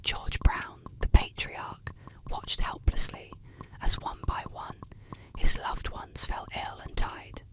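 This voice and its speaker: A woman's voice: slow pace, few pauses. Woman whispering close in ASMR storytelling. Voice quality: soft unvoiced whisper. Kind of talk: whispered ASMR narration of eerie legends. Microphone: close ASMR microphone.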